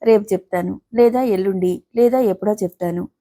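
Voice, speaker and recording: A woman's voice: medium pitch, a little fast, dark tone, close to an everyday voice. A woman voicing a playful, mischievous young wife who coaxes and teases her husband. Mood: teasing. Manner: coaxing, mischievous.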